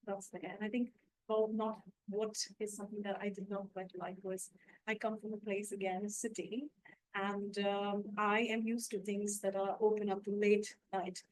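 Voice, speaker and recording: This time the audio is poor and dry, and her mid-range voice barely moves in pitch at a moderate pace. The Indian woman chats on a casual student panel, adding on to others' points with "definitely" and "you know."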